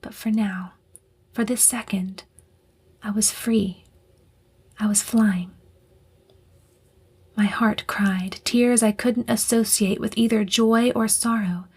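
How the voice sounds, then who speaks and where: A woman's voice: medium pitch, fairly even intonation, slow pace, pauses often, darkish tone, breathy edge. Woman narrating in tense half-whispers. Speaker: audiobook narrator. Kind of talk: first-person audiobook narration.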